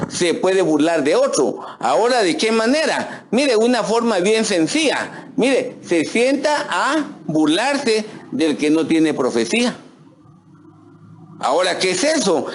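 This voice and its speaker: A middle-aged man with a Guatemalan accent preaching a conversational sermon, folksy, often calling listeners "hermano" and restarting his sentences. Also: high-pitched. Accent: Guatemalan Spanish. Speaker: pastor.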